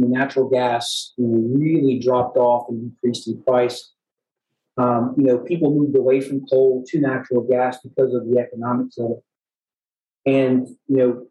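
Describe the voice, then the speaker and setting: A man giving an off-the-cuff presentation in front of an audience as a utility executive, halting and often repeating words as he goes. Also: medium pitch, dark tone. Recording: echoey room with faint background noise.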